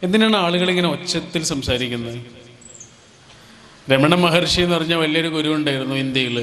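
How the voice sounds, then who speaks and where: A man with a slightly high voice gives a motivational speech at a community gathering. He speaks gently and thoughtfully, setting out short phrases one after another with pauses in between. The tone is calm and conversational rather than a loud address.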